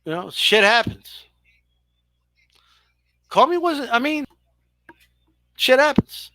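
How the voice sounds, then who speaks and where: A boxing live-stream host with a high, bright voice talks loosely to his chat about the fights, swearing freely, bantering and teasing viewers. He speaks slowly with big pitch swings, and the sound is dry and close, with no echo or room around him.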